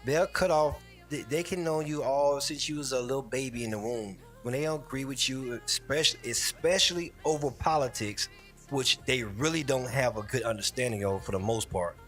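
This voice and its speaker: A man of mid pitch hosts a casual live-stream commentary. He rambles and speaks straight to his chat viewers. Faint music plays underneath. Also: moderate pace, fairly bright tone. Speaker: livestream host.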